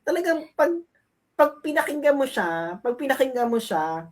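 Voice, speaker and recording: A woman's voice: high voice, very animated, moderate pace. A woman co-hosting a gossip commentary show, talking bluntly and emphatically as she criticizes someone. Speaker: show co-host.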